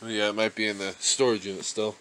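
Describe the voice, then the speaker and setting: A man's voice: on the low side, level tone, quick pace, fairly bright tone, a little hiss or hum. A young man vlogging as he unboxes storage-unit finds, thinking aloud and chuckling often. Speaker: reseller vlogger. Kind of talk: casual unboxing commentary.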